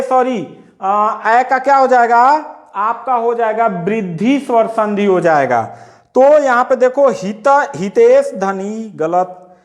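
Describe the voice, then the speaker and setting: High-voiced man, slow grammar lesson. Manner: explains step by step, repeats his own questions to the class. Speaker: teacher. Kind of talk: exam-prep grammar lesson.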